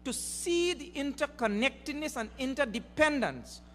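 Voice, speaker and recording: A man giving a spiritual discourse at a mission gathering, slow and deliberate, stressing key words. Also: very high-pitched, expressive, pushed and bright. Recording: reverberant hall with faint hum.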